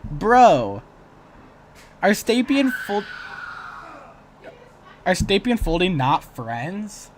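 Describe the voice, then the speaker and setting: A woman's voice: medium pitch, sing-song, slow pace, long pauses, slight background noise. A woman reacting to a cartoon episode in a playful, informal chat. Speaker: show reactor.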